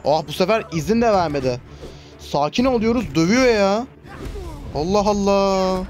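A man's voice: high voice, animated, normal speed, a little mellow, soft background music. A man hosting a gaming channel, giving chatty let's play commentary with exasperated outbursts. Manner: chatty, exasperated exclamations while fighting.

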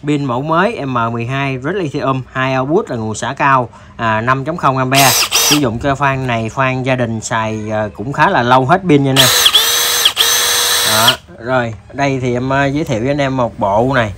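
A man with a southern Vietnamese accent giving a casual, halting sales demo, addressing viewers informally like buddies. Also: mid-range voice, very noisy. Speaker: tool seller presenting products.

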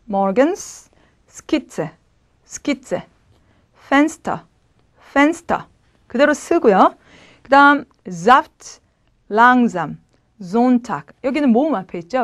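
A woman teaching German pronunciation to Korean learners, patiently saying each word slowly and then repeating it. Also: a little high. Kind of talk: pronunciation lesson.

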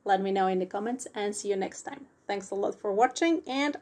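A woman's voice: medium pitch, fairly quick, a little mellow. A woman giving a pronunciation lesson, patient and asking the viewer questions. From Mexico. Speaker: language teacher.

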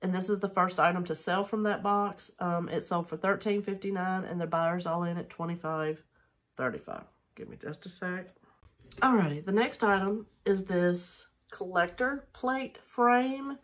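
A woman's voice: lowish voice, moderate pace. A middle-aged woman chatting casually at home on a camera mic, rambling with lots of filler ums as she shows items she has sold. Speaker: online reseller vlogger.

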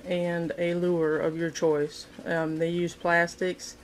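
A woman talks through a hands-on fishing craft at an indoor table, pausing with ums and restarting her sentences as she works. Her pitch stays fairly flat and level throughout. A faint hum of room noise sits behind her. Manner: relaxed, thinking aloud with frequent ums and restarts. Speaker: fishing craft video host. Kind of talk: casual how-to demonstration.

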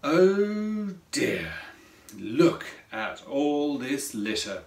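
A man reading a storybook aloud and voicing a bold, fast young male crab who sounds brisk, upbeat and bossy. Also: a little high, sing-song, heavily acted. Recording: roomy echo from a distance.

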